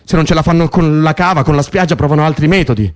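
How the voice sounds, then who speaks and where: In an Italian radio drama, a male actor plays an excitable, wry, foul-mouthed political prisoner who is agitated, wary and confiding, stammering, swearing and repeating himself breathlessly. His voice is on the high side, fast and close to everyday speech, and the delivery is conversational yet intense.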